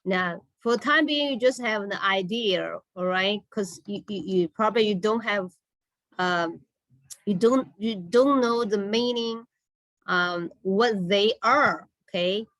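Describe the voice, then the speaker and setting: A woman English teacher giving a classroom lesson, speaking deliberately, repeating words and often checking in with a short okay or all right. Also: mid-range voice, a bit bright, no echo. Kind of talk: slow classroom lesson with read-and-repeat drilling.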